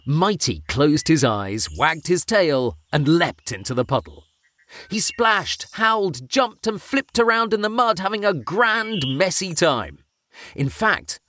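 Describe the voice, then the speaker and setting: Guy reading a kids' story aloud, sing-song, voice kinda high and super animated. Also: measured pace. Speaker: narrator. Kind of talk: children's story narration.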